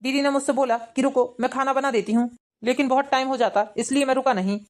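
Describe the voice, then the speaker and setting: A woman's voice: high-pitched, fairly even intonation, fast, close to an everyday voice. A woman playing an agreeable, easily swayed young husband in a cartoon family drama.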